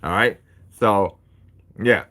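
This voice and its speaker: A man's voice: on the low side, animated, slow, fairly bright tone. Laid-back man from Tanzania hosting a stream. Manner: laid-back, chummy, addresses viewers as homie and man. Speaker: football channel host. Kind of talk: casual livestream chat reading comments.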